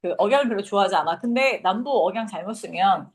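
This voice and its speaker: A woman's voice: medium pitch, animated, fast. A young woman teaching an English class, lecturing casually and quizzing her students.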